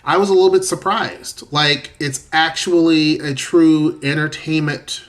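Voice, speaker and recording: A man's voice: a little high, steady tone, measured pace. A man talking casually to a camera in a vlog, rambling and correcting himself as he goes. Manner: rambling, self-correcting, conversational. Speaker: vlogger. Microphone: camera facing the speaker.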